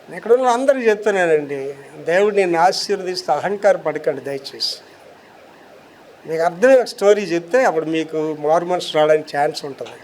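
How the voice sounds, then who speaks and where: High-voiced emphatic male pastor. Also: darkish tone, slight background noise. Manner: emphatic, rhetorical questions, slow deliberate scripture reading. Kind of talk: sermon.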